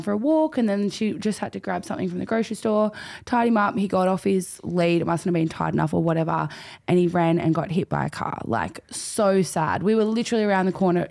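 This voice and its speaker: A woman's voice: on the low side, gravelly, a little mellow. A woman co-hosting a podcast, telling a long story in casual chat and rambling with many "like"s. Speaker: podcast co-host.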